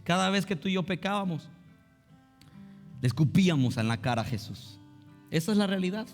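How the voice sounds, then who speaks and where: High-voiced fervent male preacher. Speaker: pastor. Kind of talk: sermon. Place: church service. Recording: reverberant hall with soft guitar.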